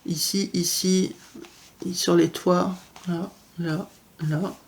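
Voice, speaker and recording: A woman's voice: fairly low pitch, steady tone, takes it slowly, background noise. A woman vlogger showing her cross-stitch kits in a casual, chatty way, with frequent fillers and restarts. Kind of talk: casual show-and-tell chat.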